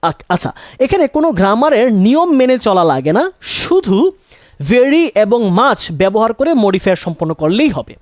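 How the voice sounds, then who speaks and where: Lively man teaching grammar. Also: sits high, normal speed, no echo, clean studio sound. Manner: asks questions and answers them himself, repeats key words. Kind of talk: classroom-style grammar lesson.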